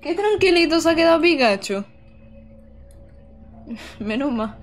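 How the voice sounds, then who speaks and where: Excitable high-voiced woman streamer. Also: a little slow, soft background music. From Almería, Andalusia, Spain. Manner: chatty and excitable, talks to chat, exclaims often. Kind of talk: live-streamed gameplay commentary.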